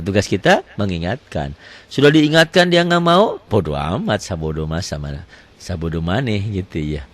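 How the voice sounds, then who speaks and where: A man gives a tajwid lesson. He asks a question, answers it himself, then stretches out each recited example. His tone is that of a patient Quran recitation teacher. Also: sits low. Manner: slow drawn-out recitation of verse examples.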